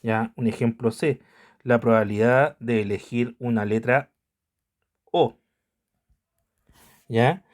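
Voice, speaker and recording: A man's voice: medium pitch, takes it slowly, pauses often. Guy walking students through a math lesson, patient, always checking they follow. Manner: patient, checks in constantly with tag questions. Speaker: math teacher.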